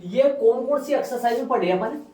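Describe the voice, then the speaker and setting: A man's voice: very high-pitched, quick pace, mellow, distant mic. A male maths teacher giving a classroom lecture, repeating key phrases and quizzing his students. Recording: roomy, from afar, faint music.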